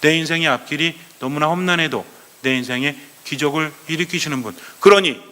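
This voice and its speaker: Animated preaching priest in a reverberant hall. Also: male voice, a little high, fairly quick. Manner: animated, asks the congregation questions and acts out Gospel voices. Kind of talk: sermon.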